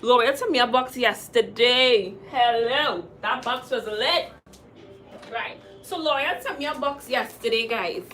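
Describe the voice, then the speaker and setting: A young adult woman with a Trinidadian accent, a makeup artist, chats casually on her livestream, reading viewer comments aloud. Her voice is on the high side and slow, with slight background noise. She's chatty and lively, repeats phrases for emphasis, and calls her viewers "girl" and "sis."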